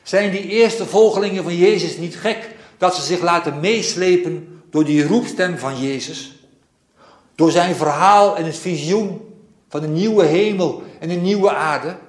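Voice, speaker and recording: A man preaching a sermon, with a slow, measured and reflective delivery that often repeats phrases. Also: sits high, echoey room.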